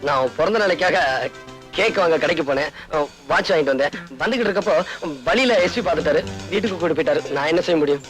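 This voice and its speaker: A man's voice: on the high side, fast talker, close to an everyday voice. An actor playing a husband who teases and coaxes his angry wife. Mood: teasing. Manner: teasing and pleading, animated. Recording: film dialogue over loud music.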